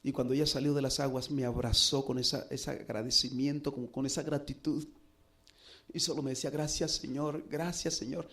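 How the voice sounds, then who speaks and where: A middle-aged pastor preaching, telling a personal story earnestly with dramatic pauses. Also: male voice, medium pitch, flat delivery, a bit bright. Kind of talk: sermon storytelling.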